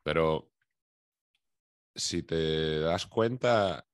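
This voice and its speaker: A young Spanish man with a Spain Spanish accent talks through a podcast in a loose, slangy manner. His voice sits extremely low. The recording is dry, with no room sound at all. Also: extremely slow, clean tone, dry recording. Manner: relaxed and chatty, slangy. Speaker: podcast co-host. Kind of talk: casual chat.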